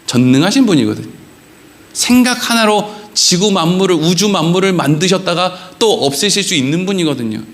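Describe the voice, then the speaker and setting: A man's voice: sits high, lively intonation, a little fast. A man, a pastor, giving a blunt and sarcastic sermon.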